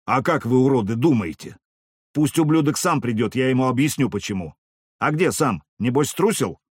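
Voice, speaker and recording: A man's voice: mid-range voice, lively intonation, normal speed, breathy edge, dry recording, studio quality. A man voicing a drunk, crude male town guard sergeant who barks his coarse threats. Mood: gloating, threatening. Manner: barking, coarse, suspicious.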